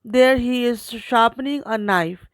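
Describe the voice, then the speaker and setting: Woman voicing a male servant, storybook, anxious, pleading, slow, dry sound. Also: fairly high pitch, no room sound, lightly acted. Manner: pleading, worried.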